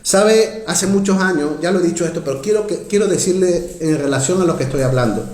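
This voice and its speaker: A man preaching a sermon as pastor, urgent and heartfelt, surging loud then dropping to quiet asides as he keeps calling out to his brothers and sisters. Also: a little fast, echoey room. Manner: impassioned, swings from loud rises to low quiet asides, keeps addressing "hermanos".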